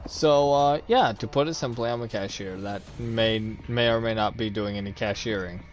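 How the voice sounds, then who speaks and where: A man with a mid-range voice spins a casual, profanity-laced story as host. He chuckles at his own jokes, and quiet music plays faintly behind him. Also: medium pitch, moderate pace. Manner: swears freely, laughs at his own story.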